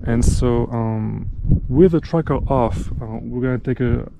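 A man in his thirties making a casual how-to vlog about night sky photography, talking in a relaxed way with many fillers, outdoors in a windy desert at night. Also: mid-range voice, unhurried, vocal fry. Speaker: astrophotographer vlogger. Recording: loud wind noise outdoors.

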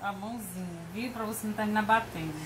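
This time her mid-range voice comes fast, with a loud crowd audible, while she coaxes the baby in sing-song baby talk at home. The camera is held by someone else at a distance across the bedroom, giving an echoey recording with background noise.

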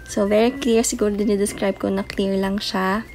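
A woman's voice: mid-range voice, fairly even intonation, normal speed, slight background noise. A young woman chatting through a voice-over and mixing in English words as she shows baby items. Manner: chatty, mixes in English words, soft late-night voice. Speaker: mom vlogger. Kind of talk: casual voice-over show-and-tell. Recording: voice-over with faint music behind.

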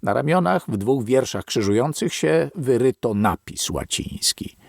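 A man narrating a classic novel as an audiobook, in measured, expressive storytelling. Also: medium pitch, creaky, no room sound, clean studio sound. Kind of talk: scripted literary narration.

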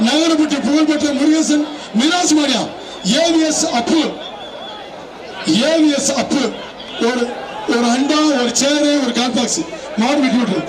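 High-pitched Tamil Nadu man announcing over loudspeaker. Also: unhurried, pauses often. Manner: urgent, repetitive chanting calls and commands. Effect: amplified through a public-address loudspeaker. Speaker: jallikattu bull-taming event announcer. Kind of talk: excited live arena commentary, calling out bulls and prizes. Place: outdoor bull-taming arena. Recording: echoey outdoor loudspeaker, distant, crowd noise. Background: crowd.

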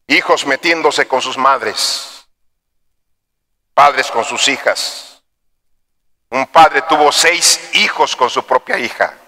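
A man preaching a sermon as pastor, dropping to quiet storytelling and rising to shouts. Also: mid-range voice, takes it slowly, long pauses, big-room sound. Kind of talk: fiery sermon. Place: church.

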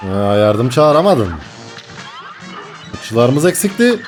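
A young man commentating his gameplay, excitable and jokey, swinging from mock panic to laughter. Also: mid-range voice, takes it slowly, soft background music. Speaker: gaming YouTuber.

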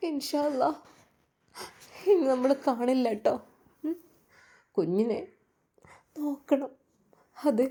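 Woman reads a tearful young wife with a Malabar Malayalam accent, soft pleading tone, storybook narration. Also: on the high side.

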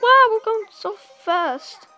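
A young woman giving casual, rambling commentary while playing a handheld game, excitable and full of asides, in a small dim room. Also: very high voice, takes it slowly. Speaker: gameplay narrator. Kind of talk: casual let's-play commentary. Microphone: handheld camera filming a game screen.

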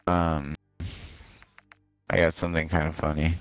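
Young male streamer, very deep, smooth, relaxed slangy talk, dry sound. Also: a little slow, no echo, soft background music. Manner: laid-back, says dude and bro. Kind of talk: casual gaming chat.

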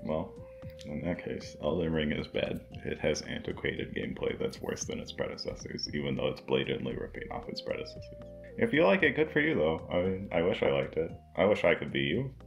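A man's voice: very deep voice, big pitch swings, brisk, vocal fry, music in the background. A young man co-hosting a casual video chat, talking in a dry, blunt, argumentative way, picked up by a camera mic a few feet away in a small room. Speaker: co-host. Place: small indoor room with a decorated table.

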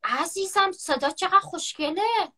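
A woman's voice: very high voice, pushed and bright. A woman hosting a live stream on her phone, chatting, gossiping and teasing her guests. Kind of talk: casual live-stream chat.

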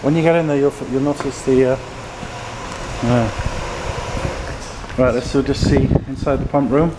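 A man's voice: mid-range voice, fairly even intonation, unhurried, echoey room, heavy background noise. Chatty man giving a compound tour. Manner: chatty, easily impressed, mixes in Arabic phrases. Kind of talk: casual walking tour narration. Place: outdoor pool area and indoor pump room of a housing compound.

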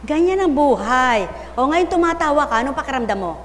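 A woman preaching as a spiritual medium to a live congregation, teasing and exhorting listeners, calling people out by name, breaking into laughter and loud exclamations. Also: sits high, lively intonation, fairly quick, in a large hall.

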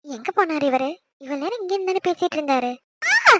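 A woman's voice: sits high, quick pace, very noisy, close to an everyday voice. A young woman voicing a playful, scolding young wife in a cartoon. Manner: chiding, teasing. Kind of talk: cartoon voice acting.

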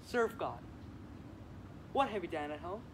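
A man's voice: high-pitched, animated, unhurried, slight background noise. A teenage boy playing a weary, teasing old woman nurse in a school Shakespeare reading, drawing out complaints about her aches. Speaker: student actor.

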